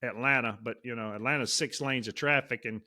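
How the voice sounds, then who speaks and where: A man's voice: medium pitch, a little fast, bright, forceful tone. A man, co-hosting a podcast and telling rambling stories in casual chat. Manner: rambling storyteller, Southern turns of phrase. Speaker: podcast co-host.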